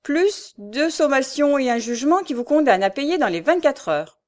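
A woman's voice: sits high, expressive, normal speed, darkish tone, voice pushed up. A woman voicing a fat, self-important male bailiff in an audiobook, grave and formal. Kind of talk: audiobook character voice.

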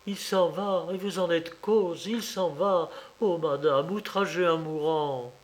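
A bold maidservant who scolds with self-assured force, as a male audiobook narrator puts her on. She sounds higher than the narration. The pace stays slow and deliberate. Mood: scolding. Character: bold, reproachful female servant. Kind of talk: audiobook reading.

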